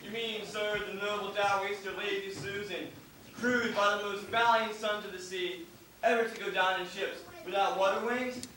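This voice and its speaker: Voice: mid-range voice, steady tone, moderate pace, background noise, natural voice. A stage actor playing a folksy old sailor who sounds mock-philosophical in rustic dialect. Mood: sage. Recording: echoey hall, distant mic.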